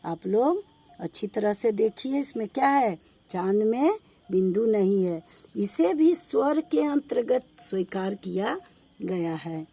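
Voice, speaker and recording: A woman's voice: medium pitch, animated, slow pace, warm tone, slightly rough. A woman teaching a grammar lesson to children. She asks them questions and answers herself, repeating each point. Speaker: school teacher. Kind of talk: slow classroom Hindi grammar lesson.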